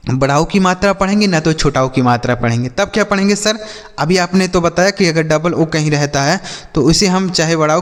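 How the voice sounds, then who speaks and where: A man's voice: high voice, long reverb tail. A man teaching English reading to children, spelling words out and asking and answering his own questions. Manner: repeats each word, asks and answers his own questions. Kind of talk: classroom-style phonics lesson.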